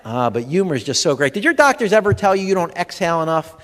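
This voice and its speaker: A man's voice: on the high side, fast talker. A man doing stand-up comedy for a live audience, telling stories and acting out the dialogue. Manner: animated storyteller, acts out dialogue, addresses audience. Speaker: comedian and humor educator. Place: large expo hall before a live audience. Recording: long hall reverb.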